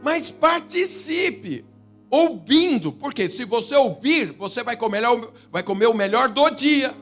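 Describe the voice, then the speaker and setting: A Brazilian-accented male pastor preaching in a high, very lively voice that climbs and drops. He tells stories, shifting from loud emphatic lines to low asides, with soft music under him. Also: a little slow. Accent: Brazilian Portuguese. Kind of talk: sermon. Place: church.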